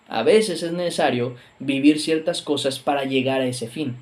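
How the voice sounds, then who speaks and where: A man preaching a video sermon in a conversational, emphatic way, with reflective asides and self-corrections. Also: on the high side.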